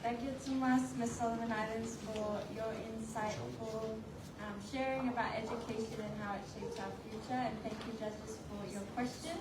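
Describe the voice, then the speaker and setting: A woman's voice: a little high, steady tone, normal speed. A woman hosting a pageant, formally thanking and announcing to the hall. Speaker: pageant host. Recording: noisy crowd, echoey hall, distant mic.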